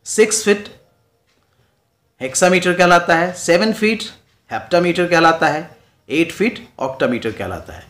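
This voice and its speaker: A man's voice: fairly high pitch, a bit bright. Hindi-speaking male teacher explaining poetry. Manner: mixes English terms into explanations, checks in with "right?". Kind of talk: classroom lecture.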